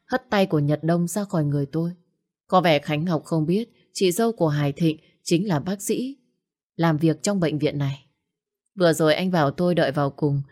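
A woman's voice: deep voice, darkish tone. A woman reading a dramatic family story aloud, voicing every character herself. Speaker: audiobook narrator. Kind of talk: scripted story narration.

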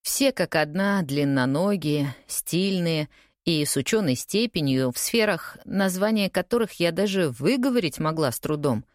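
A woman's voice: sits low, lively intonation, normal speed, no room sound, clean studio sound. A woman narrating a first-person audiobook in a wry, confiding storytelling way.

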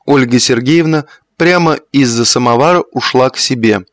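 A man reads a classic novel aloud in a steady, measured way, his voice sitting at an ordinary middle pitch. The recording is dry and close, with no room sound. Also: dry recording. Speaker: audiobook narrator. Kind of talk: literary audiobook reading.

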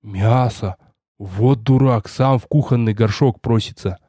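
A man voicing a blunt, loyal male hunter who talks in gruff, folksy speech, well below his own pitch. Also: a little slow, warm tone, no room sound, clean studio sound, natural voice. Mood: eager.

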